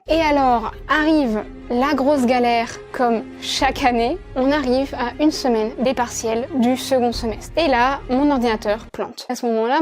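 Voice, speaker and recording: A woman's voice: high voice, a little mellow. A young French woman in her twenties, chatting casually to camera and laughing at herself as she recounts her year. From France. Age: 20s. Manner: chatty, self-mocking, laughs often, trails off. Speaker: student vlogger.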